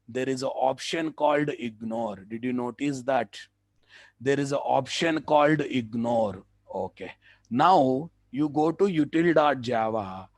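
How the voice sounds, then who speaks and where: Indian guy w telugu accent teaching a software class, says stuff twice, keeps checking ppl get it, no room echo. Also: mid-range voice, a little slow. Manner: repeats phrases for emphasis, checks understanding with questions. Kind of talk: live tutorial lecture.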